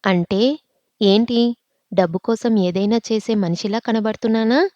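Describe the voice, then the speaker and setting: A woman's voice: fairly high pitch, warm tone, dry recording, muffled recording, lightly acted. A woman voicing a hot-tempered young working woman who scolds and snaps back. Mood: angry. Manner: scolding, quick retorts.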